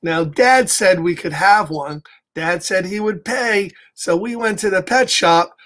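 An American man in his fifties reads a picture book expressively to children, adding playful, chatty asides for his young viewers. His high voice has a fairly bright tone, and he speaks a little slowly. He's indoors in a small room at home.

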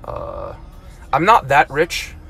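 A man's voice: mid-range voice, very animated, takes it slowly, gravelly, pushed and bright, faint music behind. Rambling man in his thirties, filming in a car. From South Korea. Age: 30s. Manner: rambling, with frequent restarts and repeated words. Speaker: blogger. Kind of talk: casual live-stream monologue. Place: parked car, indoors. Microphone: phone at arm's length.

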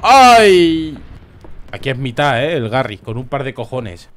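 A man with a Murcian Spanish accent giving casual, crude, joking commentary over a shooter game, often bursting into loud yelps. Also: mid-range voice, very animated, unhurried. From Murcia, Spain. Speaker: gameplay commentator.

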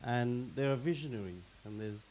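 On a meeting-hall stage before an audience, a middle-aged man answers a panel question into a handheld mic in an animated, medium-pitched voice with a darkish tone, at normal speed. He talks expansively, stacks up lists of examples, and often repeats a word as he starts. Slight background noise is present.

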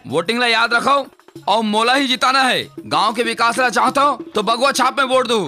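A man plays a pushy village candidate rallying the villagers, with a Chhattisgarhi accent. His voice sits high. Drums and music play behind him. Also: normal speed, pushed and bright, exaggerated voice. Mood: rousing. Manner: speechifying to villagers. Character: pushy male village candidate giving speeches. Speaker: rival sarpanch candidate. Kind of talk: village comedy drama acting, campaign speech.

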